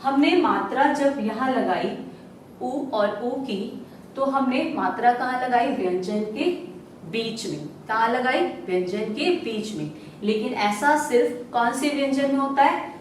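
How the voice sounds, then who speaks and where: Woman primary teacher, slow coaxing delivery, slightly high voice, echoey room, mic a few feet off. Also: recorded from a distance, a little hiss or hum. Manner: slow, drawn-out syllables, coaxing questions answered herself. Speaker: primary school Hindi teacher. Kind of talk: recorded online lesson for young children.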